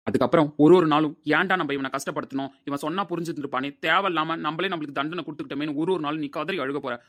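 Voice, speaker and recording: A man's voice: fairly high pitch, very fast, close to an everyday voice. A man playing a furious jilted young man. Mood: furious, hurt. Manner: shouting, bitter, scolding. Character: angry young man hurt in love.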